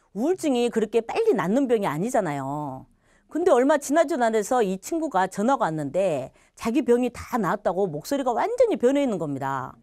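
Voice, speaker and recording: A middle-aged woman, a former missionary, giving a personal faith testimony in an animated storytelling manner, often laughing and acting out what people said. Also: medium pitch, no echo.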